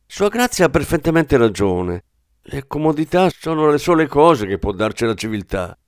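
A man reading an audiobook, voicing a pompous, flattering male palm reader who bows as he speaks. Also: fairly high pitch, moderate pace, clear, resonant tone, no room sound, clean studio sound, pitched above the performer's own voice. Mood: smooth pompous.

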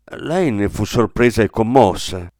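A man narrates a novel in a scripted radio reading. His delivery is measured and expressive, with a lively, wide-ranging pitch. The sound is dry and close to the mic. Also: no echo.

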